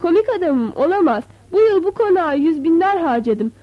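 A woman's voice: very high voice, expressive, fairly quick, dry recording, pitched above the performer's own voice. A woman voicing a scornful, rich middle-aged landowner who mocks and lectures in a haughty way. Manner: mocking, haughty. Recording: dull, slightly lo-fi.

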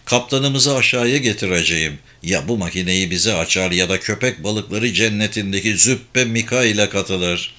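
A man reading a tough agent, blunt, commanding, forceful bright tone, slightly low voice. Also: normal speed, hardly any pauses. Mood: urgent.

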